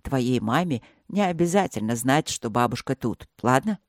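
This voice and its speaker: A woman voicing a calm, wry elderly grandfather who speaks quietly and courteously in a story reading. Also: extremely low pitch, normal speed, dry recording, studio quality, voice pushed down.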